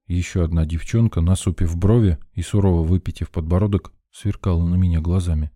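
A man's voice: deep voice, steady tone, brisk, dark tone, dry recording, clean studio sound. A man reading a first-person story in a tense, urgent narrating voice. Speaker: audiobook narrator.

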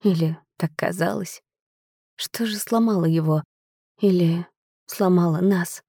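A woman narrating a first-person fantasy audiobook in a dramatic, measured storytelling manner. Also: fairly low pitch, mellow, dry recording, clean studio sound.

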